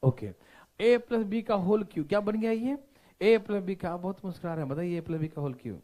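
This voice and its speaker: A man's voice: sits high, fairly quick, mellow. A man teaching a math lesson, playful and constantly checking whether his listeners follow. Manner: playful, joking asides. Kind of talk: classroom lecture.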